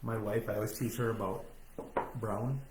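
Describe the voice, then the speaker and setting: A man's voice: fairly low pitch, steady tone, moderate pace, darkish tone. A man co-hosting a casual chat, telling teasing family anecdotes. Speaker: podcast co-host. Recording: echoey room with faint noise.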